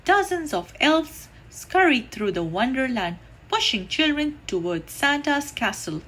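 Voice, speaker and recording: Expressive children's book reader, woman; bright, lively storytelling. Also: high voice, measured pace. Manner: expressive, animated. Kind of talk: children's read-aloud.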